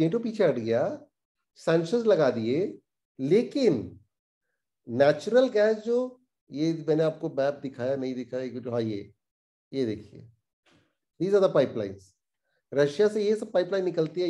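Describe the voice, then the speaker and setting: A male host with a fairly high-pitched voice talks through current affairs in a relaxed explainer format. His delivery is lively and outraged, and he slips English phrases in as he goes.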